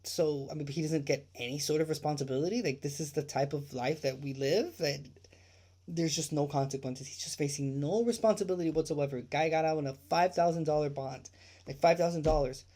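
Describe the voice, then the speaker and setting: A man hosting a livestream about true crime, his voice dark and mellow. He rants with open indignation, swearing freely and firing off rhetorical questions. He circles back to repeat his points for emphasis. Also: fairly high pitch, a little fast. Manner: indignant ranting with profanity.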